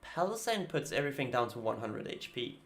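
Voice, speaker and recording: Streaming live, a native Danish speaker with a Danish accent casually thinks aloud about his card-game moves, muttering asides as he plays. His mid-range voice is sing-song, creaky, and a bit bright, and he talks fairly quickly.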